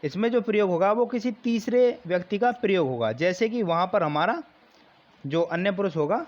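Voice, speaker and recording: A man teaching a grammar lesson for exam preparation, explaining slowly and repeating key terms. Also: high-pitched, highs cut off.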